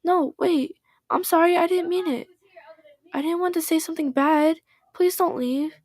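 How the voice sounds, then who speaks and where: A woman voicing a shy, bookish teenage girl as she reads game dialogue aloud, with a soft, hesitant and apologetic manner. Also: very high-pitched, moderate pace, no echo.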